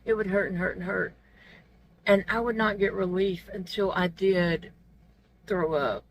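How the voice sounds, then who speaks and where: A woman with soft, toothless, gummy articulation, feeling unwell, chatting candidly and casually to her vlog viewers. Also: mid-range voice, fairly even intonation, unhurried, a little hiss or hum, poor audio. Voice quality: toothless, gummy articulation from not wearing teeth. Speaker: vlog host. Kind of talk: casual personal vlog chat.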